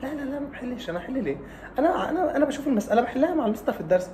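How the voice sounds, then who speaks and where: A sheepish, excuse-making schoolboy with an Egyptian Arabic accent, as a man puts him on, who mumbles softly. His voice sits lower and quieter than an adult's lecture, and he sounds like he's hoping to be let off. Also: very fast, a little hiss or hum, close to an everyday voice. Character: excuse-making male Azhari high school student.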